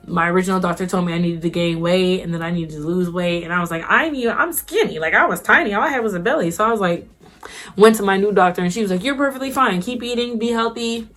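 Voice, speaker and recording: Animated young woman telling a story. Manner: animated, acts out quotes with big pitch jumps. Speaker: vlogger. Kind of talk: casual storytelling.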